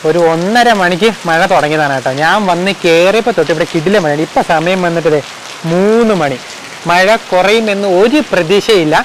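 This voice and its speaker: A man's voice: high-pitched, a little fast, slight background noise, rough recording. A man vlogging casually from a car in heavy rain, chatty and teasing his viewers with guesses.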